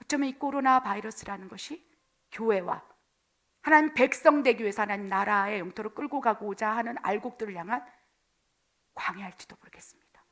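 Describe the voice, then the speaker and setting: A woman missionary pastor preaching a sermon, swinging from loud passages to near-whispers. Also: mid-range voice, fairly quick. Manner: acts out quoted voices.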